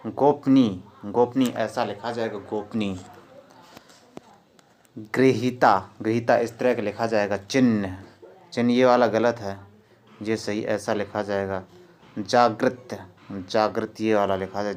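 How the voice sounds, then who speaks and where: Man, teacher, slow unhurried delivery, repeats words, quizzes class. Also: on the low side, steady tone, darkish tone. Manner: drills words by repeating them and quizzing students. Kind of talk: exam-prep spelling lesson.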